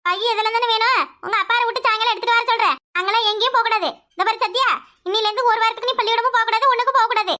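A woman voicing a harried, scolding village mother in a cartoon, with a Tirunelveli Tamil accent. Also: bright, forceful tone. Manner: scolding, shrill and rapid. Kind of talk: cartoon voice acting.

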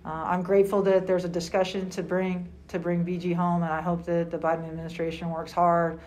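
A woman in her forties, a basketball head coach answering questions at a postgame press conference, speaking in a measured, halting way with many fillers. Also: lowish voice, level tone, darkish tone. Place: small room indoors at a table.

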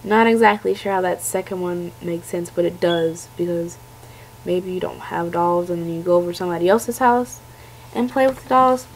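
A young woman in her late teens sounds stuffed up from a cold, and her voice has a gravelly fry. She rants to the camera in a rambling way, full of "like" and restarts. She sounds fed up. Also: fairly low pitch, moderate pace, a little hiss or hum, poor audio. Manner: rambling, filler-heavy, exasperated. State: congested from a cold. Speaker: vlogger.

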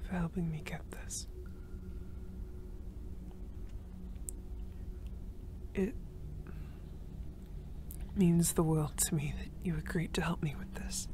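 A woman voicing a gentle, emotional young male reborn spirit in an audio role-play, breathless and given to nervous sighs and laughs. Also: on the low side, noisy background. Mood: soft, tender.

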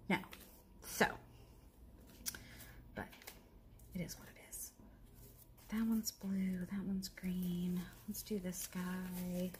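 A woman in her thirties chatting casually to viewers while she crafts, rambling and self-deprecating, now and then dropping to a soft whisper as she works. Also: fairly low pitch, a little hiss or hum. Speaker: crafting vlogger.

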